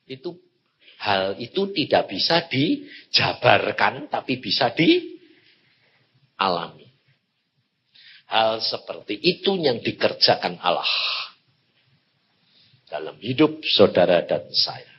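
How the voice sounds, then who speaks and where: A male evangelist preaching a sermon, telling a humorous personal story and jumping between shouts and low asides. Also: wildly swooping pitch, takes it slowly, pauses often. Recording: dull lo-fi sound, faint background noise.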